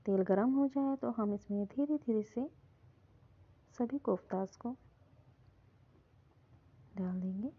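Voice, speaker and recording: Female cooking host, calm instructive voice-over, slightly high pitch, lo-fi phone audio. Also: takes it slowly, pauses often, slightly rough. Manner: calm, instructive, repeats "hum" often. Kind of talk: step-by-step recipe voice-over. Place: home kitchen.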